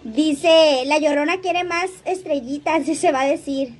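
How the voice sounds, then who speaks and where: A woman's voice: high-pitched, measured pace. A woman hosting a casual livestream, chatting, laughing often and reading viewers' comments aloud. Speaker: livestream host.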